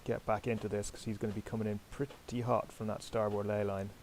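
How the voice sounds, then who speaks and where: A man's voice: on the low side, level tone, brisk, darkish tone, slight background noise, low-quality recording. A man hosting and commentating online sailing races, chatty and self-deprecating, talking directly to his viewers. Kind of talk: live commentary over a sailing game.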